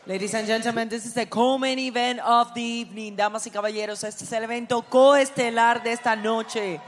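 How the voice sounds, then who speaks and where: A woman's voice: a little high, fairly even intonation, brisk, soft background music. A woman making bilingual English and Spanish ring announcements in a formal, showy manner, drawing out names. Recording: long hall echo over arena speakers.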